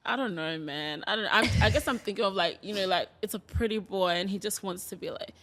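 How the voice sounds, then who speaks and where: A woman's voice: mid-range voice, fairly quick, fairly bright tone. A woman in her late twenties chatting candidly as a podcast guest. She laughs easily. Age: late 20s. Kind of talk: casual chat.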